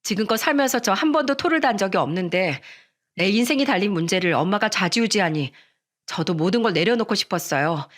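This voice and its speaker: A determined young woman who stands her ground against her mother, as a woman reads her in a radio story. She speaks calmly and deliberately, in an even mid-pitched voice. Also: natural voice. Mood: explaining. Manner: firm, calm, deliberate.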